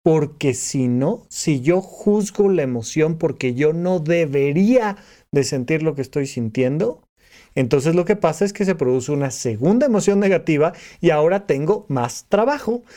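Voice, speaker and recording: A man's voice: a little high, dark tone. A man hosting a solo podcast. He speaks in a reassuring, explanatory way and acts out short dialogues with imagined listeners. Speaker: podcast host.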